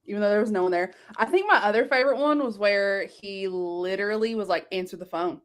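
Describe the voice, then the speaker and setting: A woman's voice: medium pitch, fast talker. Chatty woman hosting a book chat. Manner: chatty, laughing, eating while talking. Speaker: booktube host. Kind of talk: casual chat.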